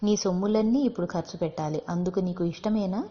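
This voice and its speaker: A woman voicing an older grandfather over 60, gruff but tender, speaking in a brusque way in a storybook reading. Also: fairly low pitch, fast talker, warm tone, close to an everyday voice. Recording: dull lo-fi with long reverb.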